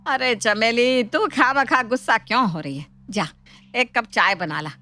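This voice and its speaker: A woman voicing a scheming, sharp-tongued mother-in-law who taunts and mocks her daughter-in-law in a cartoon story. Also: fairly high pitch, a little slow. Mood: taunting. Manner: taunting, mocking. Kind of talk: cartoon voice acting.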